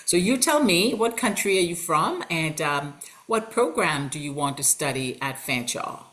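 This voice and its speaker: With a lowish, expressive, slightly bright voice at normal speed, this Trinidad and Tobago college recruiter leads an online info session over a video call mic. She stays warm and cheerful throughout, though ums and uhs crop up often.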